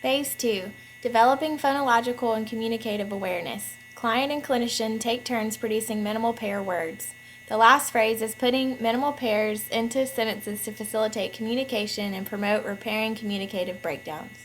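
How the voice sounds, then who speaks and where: A woman with a fairly high voice reads a scripted narration. She takes her time over each phrase, formal and careful. A faint hum sits under the voice-over. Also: rough recording. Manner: measured, reads slowly and formally.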